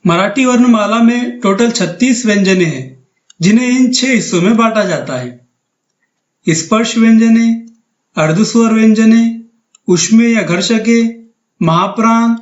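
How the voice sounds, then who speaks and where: High-pitched guy teaching grammar step by step, lots of repeating terms, echoey room. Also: muffled recording. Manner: patient, methodical, repeats each term with synonyms. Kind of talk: recorded grammar lecture over slides.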